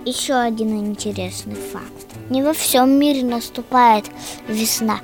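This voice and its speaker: A woman's voice: fairly high pitch, a little slow, a little mellow, soft background music. A woman playing a cheerful young boatswain who explains and quizzes playfully on a children's radio show. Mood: explaining, engaged.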